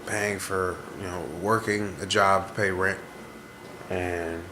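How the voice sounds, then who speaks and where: A congested man in his twenties vents to camera in a casual vlog, rambling and introspective, searching for words. His voice is low and flat, his delivery slow, and background noise is present.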